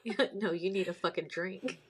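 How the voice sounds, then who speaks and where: A woman's voice: fairly low pitch, normal speed, slight background noise. A woman guest on a video call, easygoing and casual, swearing lightly as she chats. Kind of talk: casual chat.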